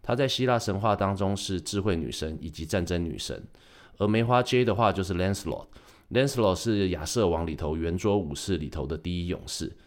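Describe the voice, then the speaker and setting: A man hosting a solo podcast in a casual, chatty way, with joking asides and quick self-corrections, in Taiwanese Mandarin. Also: low-pitched. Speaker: podcast host.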